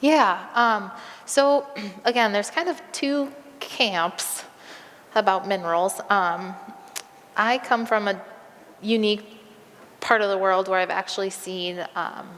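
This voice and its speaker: A woman's voice: medium pitch, takes it slowly, a bit bright, long reverb tail. A woman veterinarian answering audience questions at a live presentation, conversational with frequent ums, and losing her voice. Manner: conversational, many um fillers, practical.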